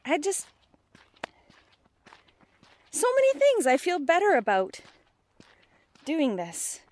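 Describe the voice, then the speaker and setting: A woman's voice: high voice, wildly swooping pitch, slow pace, darkish tone, dry recording. A middle-aged woman talking casually and candidly in a rambling personal vlog, often questioning herself with emphasis, recorded on a handheld phone. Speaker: vlogger. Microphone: handheld phone at arm's length.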